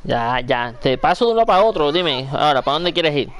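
A man's voice: a little high, sing-song, brisk, background noise. A gaming streamer, a man, chatting casually and cooing playful baby talk to an infant while he plays. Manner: playful, teasing.

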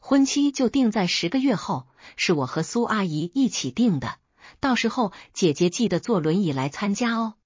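A woman's voice: medium pitch, animated, normal speed, slightly rough, no echo, pitched above the performer's own voice. A woman voicing a smug, scheming young woman who taunts in a falsely sweet tone, on a dull lo-fi recording. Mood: taunting sweet. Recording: dull lo-fi audio.

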